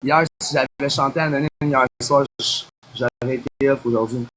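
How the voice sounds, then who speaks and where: A man's voice: medium pitch, fairly even intonation, normal speed, fairly bright tone. A man with a Québécois accent hosting a casual live stream outdoors, chatting with viewers and thanking them by name. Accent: Québécois French. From Quebec. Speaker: livestream host. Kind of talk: casual livestream chat to viewers. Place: outdoors across from a busy boulevard. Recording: faint street noise behind.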